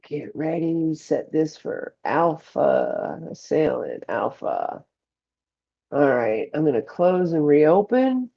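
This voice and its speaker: A woman's voice: sits low, very animated, slow, vocal fry. A woman streaming a mobile game at home, chatting casually and giving a running commentary on her rewards. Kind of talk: casual chat while playing. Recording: muffled lo-fi.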